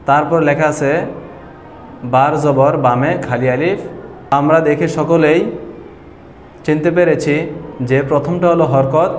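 Male teacher, slightly high pitch, calm and methodical explaining, long reverb in the room. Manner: slow, patient explaining, drawing out example sounds. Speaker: Quran reading teacher. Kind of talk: whiteboard lesson on Quran pronunciation. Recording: echoey room with long reverb and faint noise.

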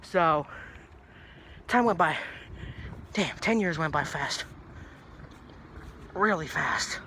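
A young man rambling into a phone camera held low at arm's length outdoors. His voice is high and bright, chatty and easily sidetracked, with faint traffic and outdoor noise behind him. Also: animated, slow pace. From New Jersey. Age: young adult. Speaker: vlogger. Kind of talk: casual rambling vlog. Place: outdoors by a brick house in a grassy yard.

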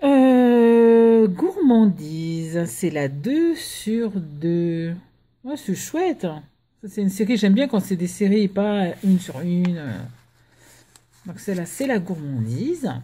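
Woman vlogger, mellow tone, hushed, chatty with hesitations, casual home unboxing. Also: mid-range voice, sing-song, slow pace. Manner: chatty, hesitant with many fillers; talking softly while children nap. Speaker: crafting vlogger.

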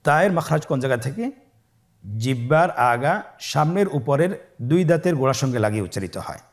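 A man teaching Arabic letters in a patient, step-by-step lesson. He drills each letter with long, drawn-out sounds for learners to repeat and adds soft praise after each round. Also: medium pitch, lively intonation. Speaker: Quran reading teacher.

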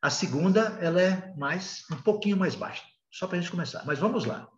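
Sitting high and expressive, this Brazilian man's voice moves at normal speed as he teaches a recorded beginner English lesson with a Brazilian Portuguese accent. He is patient yet hesitant, with lots of filler sounds, and the audio is roomy and dull.

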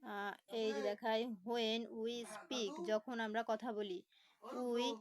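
Slow, patient woman teacher spelling words. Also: fairly high pitch, level tone, a crowd in the background, rough recording. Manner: spells words letter by letter, slow explanations with many fillers. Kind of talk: online lesson explaining a textbook.

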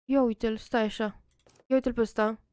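A woman hosting a casual gaming session, reacting with playful, excited exclamations as she explores. Her voice sits on the higher side and comes through smooth and clear. The recording is close and dry. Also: no room sound. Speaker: gaming channel host. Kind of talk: casual gameplay chat.

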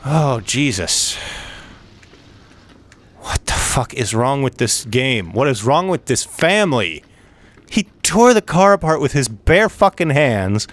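Profane, excitable let's play man. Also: on the high side, no room sound. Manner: profane, excitable, rambling, with frequent outbursts. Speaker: gaming video host.

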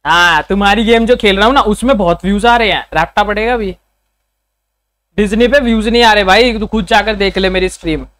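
Guy streaming live, throat all scratchy, roasts his chat and cusses a lot, highish clean voice. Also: fairly bright tone. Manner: teasing, swears freely, quick comebacks. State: hoarse sore throat, keeps clearing it. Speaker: livestreamer talking to chat. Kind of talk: casual live stream banter.

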